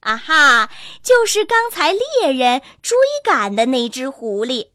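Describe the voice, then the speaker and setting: Slow sing-song woman storyteller. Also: high voice, animated, no echo, studio quality. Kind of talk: children's bedtime story narration. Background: soft music.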